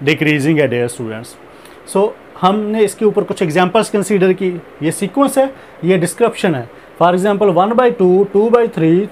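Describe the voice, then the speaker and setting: A man with a high-pitched voice gives a recorded math lecture, working through each step slowly and deliberately. He slips English math terms into his explanation and keeps coming back to the same filler phrases. A faint hiss sits under the recording. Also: darkish tone. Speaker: math teacher.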